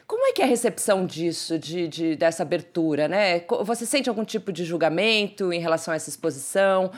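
A woman's voice: lowish voice, animated, quick pace. Woman interviewer asking thoughtful questions.

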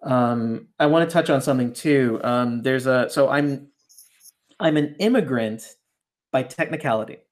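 A man raised in Canada talks through his ideas as a ghostwriter on a podcast, his voice sitting at an ordinary middle pitch. He circles back, restarts his thoughts and keeps tagging them with a questioning "right?", relaxed and conversational. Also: unhurried. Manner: reflective, rambling, keeps asking "right?". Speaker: ghostwriter guest.

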